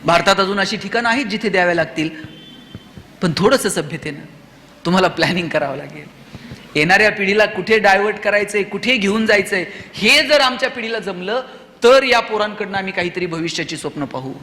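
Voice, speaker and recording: A man's voice: high-pitched, a little fast, pushed and bright, big-room sound. A man giving a motivational speech from a stage to young students, oratorical and full of rhetorical questions. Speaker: motivational speaker.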